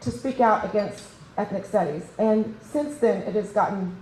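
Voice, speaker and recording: A woman's voice: mid-range voice, normal speed, a little mellow, a little hiss or hum. A woman hosting a conference, giving an enthusiastic, chatty welcome speech with frequent laughs. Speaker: conference host. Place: large conference room. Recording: echoey event room, faint ambience.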